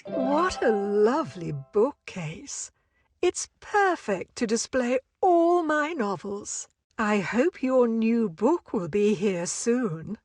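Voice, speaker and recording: A woman playing a genteel, sentimental older book lover in a game story, gentle and polite in manner. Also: a little high, big pitch swings, slow, faint music behind, full character voice. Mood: warm, polite. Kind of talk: scripted game story dialogue.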